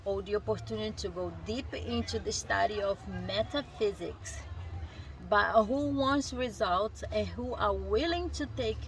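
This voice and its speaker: Sitting on a rock outdoors, a vlogger with a Brazilian Portuguese accent, a native Portuguese speaker, reads a self-help book aloud in a medium-pitched voice. She reads haltingly, stumbling, restarting words and tossing in casual asides, on a rough recording.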